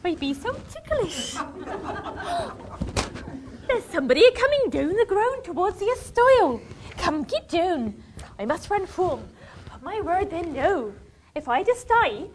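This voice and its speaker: A woman's voice: extremely high pitch, big pitch swings, a little hiss or hum, full character voice. A woman playing a teasing young girl, reciting a dialect verse dialogue with a playful, scolding manner. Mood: flustered. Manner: playful, scolding, quick to laugh. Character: young country girl sweetheart, pert and teasing.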